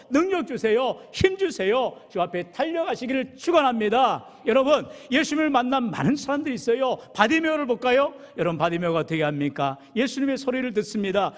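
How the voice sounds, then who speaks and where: A high-voiced male pastor preaching with a lively, swooping delivery. He jokes with the congregation and calls on people by name. His voice rings through a big, reverberant church sanctuary. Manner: lively, joking with the congregation and calling on members. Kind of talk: sermon.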